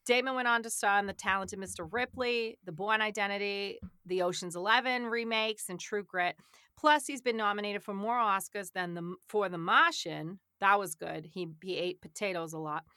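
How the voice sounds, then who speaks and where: A woman's voice: medium pitch, normal speed, pushed and bright, clean tone, dry recording, clean studio sound. A woman co-hosting a podcast, reading trivia aloud and chatting about it casually, laughing often. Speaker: podcast co-host.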